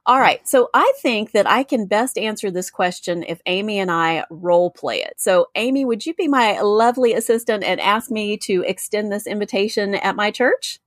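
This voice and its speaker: A woman co-hosts a podcast and teaches in a steady, earnest way at a middle pitch. She laughs easily. The recording is close and dry, with no room sound. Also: moderate pace, hardly any pauses, dry recording. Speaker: podcast co-host. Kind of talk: podcast talk and Bible teaching.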